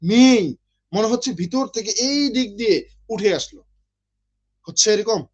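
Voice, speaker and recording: A man's voice: sits high, animated, a little slow, husky, lo-fi sound. A man from Bangladesh teaching an online literature class, explaining step by step and often checking with his students.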